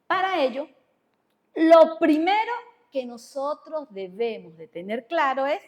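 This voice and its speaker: A woman's voice: high voice, expressive, unhurried, a little mellow. A woman with a Venezuelan Spanish accent preaching a sermon to her congregation, talking conversationally and asking them questions. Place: church hall. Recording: long church hall reverb.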